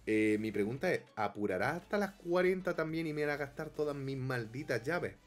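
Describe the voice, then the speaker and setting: A man's voice: mid-range voice, animated, fairly quick. A man with an accent from Spain, giving casual gameplay commentary as a YouTuber, complaining in a melodramatic, self-mocking way. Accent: Spain Spanish. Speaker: gaming YouTuber.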